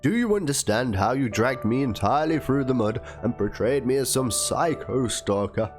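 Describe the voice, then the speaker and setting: Reading chat messages and a written document aloud, a man delivers theatrical, dramatic narration in a mid-range voice. He speaks at normal speed with lively intonation, accompanied by instrumental music beneath his voice.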